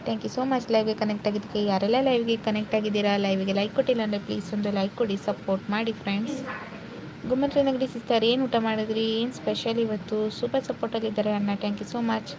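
Here the same casual live-stream host speaks quickly in a mid-range, steady voice, greeting viewers warmly and responding to their comments while mixing in English words. The phone recording is noisy.

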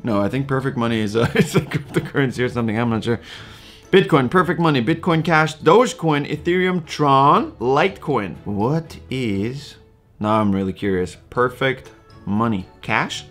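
A man's voice: mid-range voice, normal speed, fairly bright tone, soft background music. A man casually commenting for a vlog, playful and mock-enthusiastic as he reads messages aloud. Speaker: video creator.

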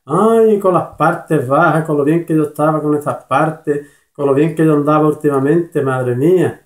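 A whiny, tearful young daughter complains of her pain, played by a man telling a joke. The voice is lifted high and sounds plaintive. It echoes in the room. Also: normal speed, close to an everyday voice.

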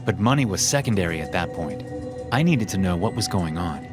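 Deep-voiced young man narrating horror. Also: animated, fairly quick. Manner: tense, hushed, casual swearing. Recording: narration over loud music.

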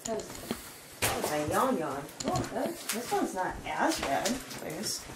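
Woman, blunt wry remarks, urban explorer, slow lively voice, echoey room, heavy noise. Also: mid-range voice, distant mic. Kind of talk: casual exploring commentary. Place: abandoned trailer homes, indoors. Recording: echoey, off-mic, very noisy.

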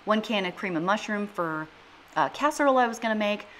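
A woman in her thirties sits on a living room couch, chatting casually to the camera as a budget cooking vlogger. Her medium-pitched voice is animated, fairly quick and a little bright as she earnestly and practically walks through prices step by step. There's slight background noise.

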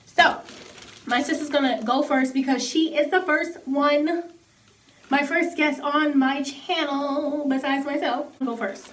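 A woman, chatting and joking to camera in an animated way, often repeating phrases. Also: high voice, a little slow. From the Bronx, New York. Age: 20s. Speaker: vlog host. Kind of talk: casual joking chat to camera. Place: small indoor room at home, camera a little away. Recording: slightly noisy, distant home recording.

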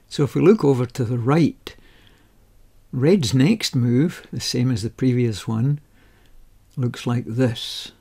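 A man calmly narrating a voice-over that explains a pencil-and-paper game's rules step by step, measured and methodical with dry understatement. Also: mid-range voice, vocal fry, breathy edge.

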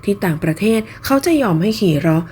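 A woman with a lowish voice reads online news quickly but politely. Her scripted narration is steady and read-aloud in style, with soft sentence-final particles.

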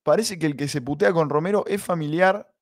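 A man's voice: fairly high pitch, fairly quick. A young Argentine man hosting a live football reaction stream, chatting and reading the chat aloud. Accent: Argentine Spanish. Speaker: streamer and host.

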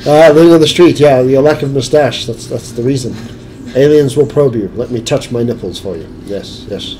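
A man's voice: medium pitch, moderate pace, mellow, poor audio. Crude, teasing male gamer. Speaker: let's play gamer. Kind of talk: crude improvised banter over gameplay. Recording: home recording with clear background noise.

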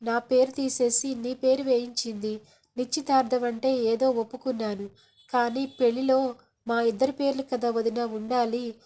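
A distressed middle-aged mother pleads slowly, voiced by a woman narrator. The voice is somewhat high. Told as a storybook retelling. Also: steady tone, warm tone, lightly acted. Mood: pleading.

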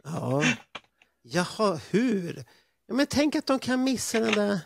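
A man's voice: sits high, very animated, gravelly, noisy background. A man hosting a live podcast in a chatty, upbeat manner. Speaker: podcast host. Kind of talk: casual live podcast chat.

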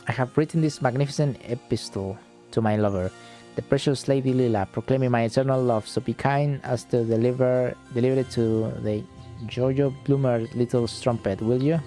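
Haughty spoiled boy duke read by a man, pompous and commanding, mellow tone, game dialogue. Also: medium pitch, fairly even intonation, brisk, faint music behind, lightly acted. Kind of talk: reading game dialogue aloud.

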